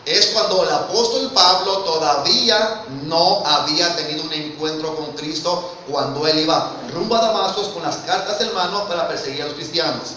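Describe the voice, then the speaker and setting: With hardly any pauses, a fairly high-pitched Mexican man preaches at normal speed in a pushed, bright voice and a Mexican Spanish accent. He earnestly calls his listeners "brother" and asks rhetorical questions. He's far from the mic in a very echoey church hall with faint noise.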